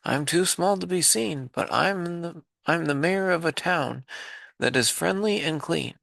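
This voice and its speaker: A man's voice: a little high, a little slow, vocal fry, a bit bright, no room sound, clean studio sound, pitched above the performer's own voice, exaggerated voice. A man voicing a tiny, cheerful male mayor of a speck town, piping and eager. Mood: grateful.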